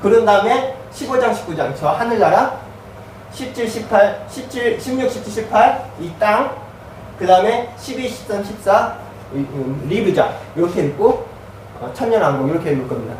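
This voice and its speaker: Pastor guy, kinda high voice, walking thru a chart step by step, sounds far off in a roomy church hall. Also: expressive, normal speed, darkish tone, a little hiss or hum. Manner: explanatory, walks through a chart step by step. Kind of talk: teaching sermon.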